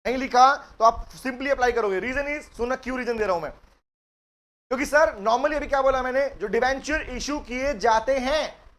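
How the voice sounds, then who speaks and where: A man's voice: very high-pitched, fairly bright tone. A man giving a live online law lecture, coaxing his students with questions and mixing English phrases into Hindi. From India. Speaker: law teacher.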